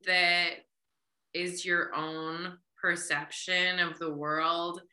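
Low-ish in pitch and very slow, her delivery is flat yet bright and forceful. She's a podcast host in her thirties, chatting reflectively through a casual conversational interview and often saying "like".

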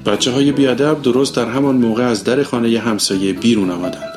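A man narrates a short story at a middle pitch, calm and even. Faint music plays softly underneath.

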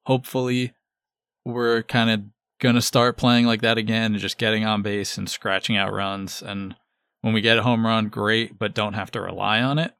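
A man's voice: on the low side, flat delivery, normal speed, fairly bright tone, clear, resonant tone, dry recording. A man giving casual sports analysis as a podcast co-host.

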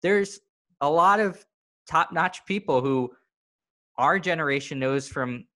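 Male podcast co-host, bright tone, chatty and analytical. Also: a little high, unhurried. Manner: chatty, analytical, loose run-on sentences. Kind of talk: casual podcast discussion.

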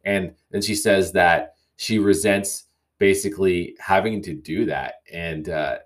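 A man's voice: low voice, measured pace. A man hosting a casual solo podcast, thoughtfully reading listener emails aloud and reflecting on them with frequent restarts. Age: young adult or middle-aged, parent. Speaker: podcast host.

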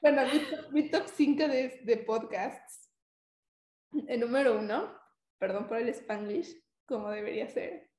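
Female podcast co-host, casual and self-mocking, giggly delivery, high voice, roomy echoing sound. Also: measured pace, a little mellow. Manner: giggly, self-deprecating, playful. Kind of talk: casual chat between podcast co-hosts.

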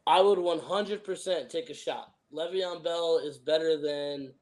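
A man's voice: fairly high pitch, a little slow, darkish tone, poor audio. A young man hosting a sports podcast, giving opinions in emphatic, casual frat-bro slang.

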